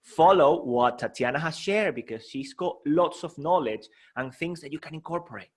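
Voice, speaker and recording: A man's voice: on the high side, lively intonation, moderate pace. A middle-aged man from the UK, an NLP coach giving an upbeat, playful, encouraging talk to language learners.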